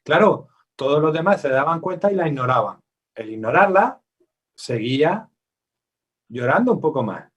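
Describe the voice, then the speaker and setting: A psychologist from Spain with a slightly high voice gives a live parenting workshop, speaking conversationally to parents. He asks the audience questions and acts out quotes, captured on a distant mic with lo-fi sound.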